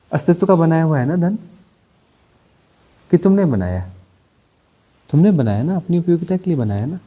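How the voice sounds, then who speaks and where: A man teaching spiritual talk, posing rhetorical questions and giving animated mocking examples. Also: on the high side. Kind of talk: satsang discourse.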